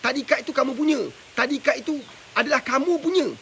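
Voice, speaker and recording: Speaking fast in a very high, sharp-toned voice, a madrasah religious teacher preaches parenting advice over a live stream. He keeps firing off rhetorical questions about whether his listeners understand, while the mic picks up a faint hiss or hum.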